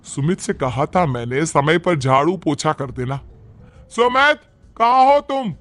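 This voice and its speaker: A man's voice: on the high side, expressive, measured pace, a bit bright, no room sound. A man voicing a strict, bossy middle-aged mother-in-law who scolds and gives orders in a cartoon. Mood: stern. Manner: scolding, commanding. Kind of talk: cartoon voice acting.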